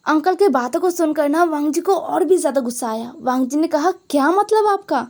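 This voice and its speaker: High-voiced woman retelling a story. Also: brisk, warm tone. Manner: conversational, emphatic fillers. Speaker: story narrator. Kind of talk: casual storytelling recap.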